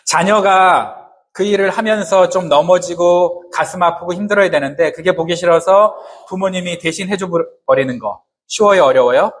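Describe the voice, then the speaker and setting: A man's voice: high voice, normal speed, few pauses. A man preaching a sermon who keeps asking the congregation questions and answering them himself, in casual, joking everyday words. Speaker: pastor.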